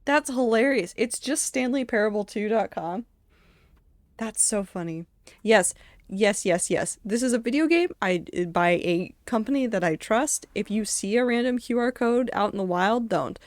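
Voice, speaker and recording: A woman's voice: on the high side, expressive, moderate pace, no room sound. A woman streaming a video game, chatting casually and reacting aloud to what she sees. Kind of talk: casual gameplay commentary.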